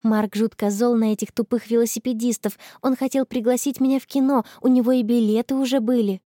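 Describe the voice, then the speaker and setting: A woman's voice: on the high side, fairly even intonation, brisk, warm tone, no echo, clean studio sound, lightly acted. A woman voicing a cheerful, dreamy teenage girl in love, gushing as she talks.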